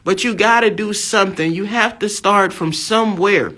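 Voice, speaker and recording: Her voice mid-range and fairly bright, moving at a moderate pace, an American woman in her 50s offers fervent religious testimony. It's a preaching monologue, emphatic and exhortative, built on repeated phrases.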